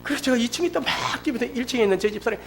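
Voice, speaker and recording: A middle-aged man preaching a sermon at a church service, telling a personal story with lively, acted-out storytelling. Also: very high-pitched, racing, heavy background noise. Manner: animated storytelling, acts out quoted speech. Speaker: pastor. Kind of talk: sermon testimony.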